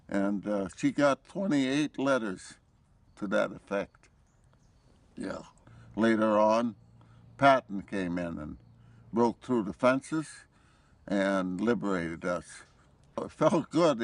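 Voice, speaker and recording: An elderly man in his nineties recalls old war stories at an unhurried, deliberate pace, chuckling now and then as he goes. The sound is close and dry with almost no room around it. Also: mid-range voice, no echo. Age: 90s. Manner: chuckling anecdotal storytelling. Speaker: war veteran interviewee. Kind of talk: recounting wartime memories.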